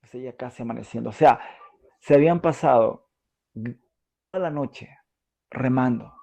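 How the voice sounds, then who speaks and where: A male preacher with a Peruvian Spanish accent delivers a sermon. He talks in a relaxed, conversational way and keeps asking his listeners questions. His voice is gravelly and dark. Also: medium pitch, normal speed. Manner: conversational, asks the audience questions, frequent fillers.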